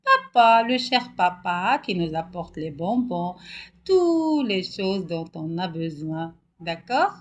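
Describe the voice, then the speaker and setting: A woman teaching a reading lesson to young children. She coaxes them gently and sounds out syllables slowly and one by one. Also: on the low side, big pitch swings. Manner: warm, coaxing, repeats syllables slowly for children. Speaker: primary school teacher.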